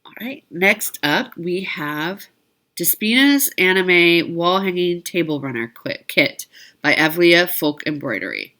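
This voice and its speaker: Presenting products in a needlework shopping video, this host chats informally at a measured pace, frequently correcting herself and tossing in asides. Her voice is lowish and a bit bright, with lively intonation.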